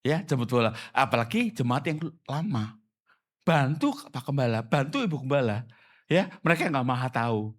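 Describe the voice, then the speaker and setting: Animated male pastor preaching. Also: medium pitch. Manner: animated, prompts the reader and congregation with quick questions. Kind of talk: conversational sermon. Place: church service.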